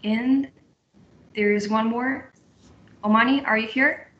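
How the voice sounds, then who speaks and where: A young Moldovan woman moderates an online student webinar in a friendly way, often restarting and repeating phrases. Her voice is fairly high and steady, and she speaks slowly. The video-call audio sounds roomy and dull.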